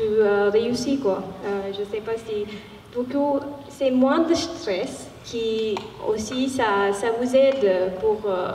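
A young woman with a foreign accent in French, not a native speaker, talking haltingly and searching for words on a panel. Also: on the high side, a little mellow. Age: young adult. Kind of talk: unscripted panel talk. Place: large warehouse hall with seated audience. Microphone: handheld microphone. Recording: echoey hall, distant, background noise.

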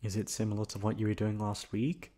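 A voice actor plays a teasing, affectionate boyfriend in an intimate ASMR roleplay, playfully coaxing and pleading. His lowish voice is mellow and monotone, running a little fast.

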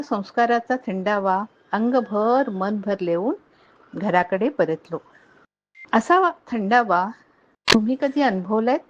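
A middle-aged woman reading a short story aloud in a gentle, measured way, lifting her voice for quoted speech. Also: medium pitch, muffled recording.

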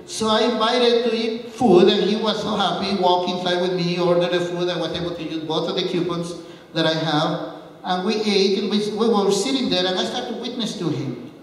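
A man's voice: sits high, steady tone, moderate pace, far from the mic. Man preaching in an echoey hall. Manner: earnest storytelling, quotes the speech of others. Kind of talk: sermon. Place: church.

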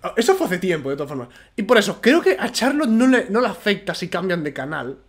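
A man from with a cold commentating a video game at a home microphone, half-shouting and rambling. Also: high-pitched, big pitch swings, fast talker. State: has a cold. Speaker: gamer. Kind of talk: let's play commentary.

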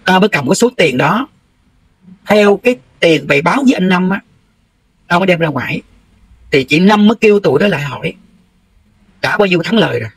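High-pitched Southern Vietnamese man scolding. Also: lively intonation, brisk, long pauses, slightly rough, dry recording, poor audio. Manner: scolding, confrontational, addresses listener bluntly. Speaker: livestream host. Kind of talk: heated livestream rant.

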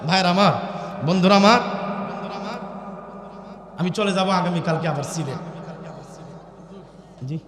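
A high-pitched male preacher with a Sylheti Bengali accent delivers an emphatic, exclaiming sermon and leads the crowd in chanted refrains. His voice rings out through a large, echoing venue with a long reverb tail. Faint music sits behind him. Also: measured pace, long pauses. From Sylhet, Bangladesh. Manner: emphatic, exclaiming, breaks into chanted sing-along lines. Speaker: Islamic preacher. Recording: echoey hall sound with faint music.

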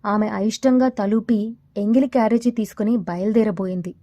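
A woman narrating a scripted story in a steady, dramatic reading manner. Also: medium pitch, normal speed, no echo.

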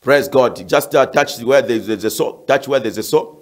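A man's voice: mid-range voice, normal speed, slight background noise. A man preaching fervently and praying with callers on a phone-in, with frequent "uh" fillers. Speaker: pastor. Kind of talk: shouted sermon and prayer phone-in.

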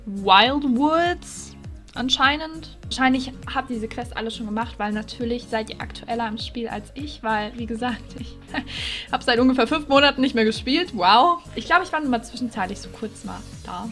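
A woman's voice: fairly high pitch, brisk, fairly bright tone, soft background music. A woman giving casual let's-play commentary as a YouTuber, chatty and giggly, tossing in English phrases as she reads quest dialogue. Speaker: YouTuber playing a horse-riding game.

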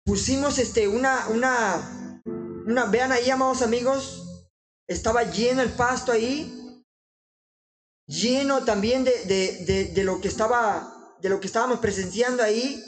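A man preaching informally in an earnest, exhorting way, often halting and restarting his sentences. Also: extremely high pitch, faint music behind, rough recording.

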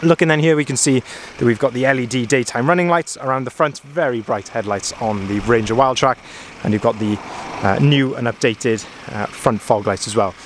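A man's voice: mid-range voice, brisk, slight background noise. A man, a car sales manager, giving a chatty, enthusiastic walkaround review of a pickup truck, recorded on a handheld camera. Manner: chatty, enthusiastic, frequent ums and uhs. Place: inside a pickup truck, then outdoors at a dealership yard.

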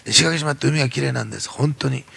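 Japanese man preaching in church, fast and animated, sharp bright tone with heavy gravel. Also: mid-range voice. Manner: animated storytelling, acts out quoted voices. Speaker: pastor. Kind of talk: sermon.

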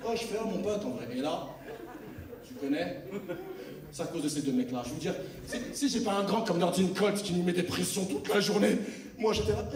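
A French stand-up comedian with a Lyon street accent tells a story on a large theatre stage, acting out the characters, animated, and sometimes shouting the punchlines. His voice is high-pitched. The roomy hall is audible, the mic sounds distant, and the live audience can be heard.

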